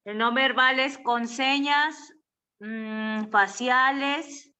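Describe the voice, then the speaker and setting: Bright woman on muffled call audio. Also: high-pitched. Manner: lists answers haltingly with hums. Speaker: student.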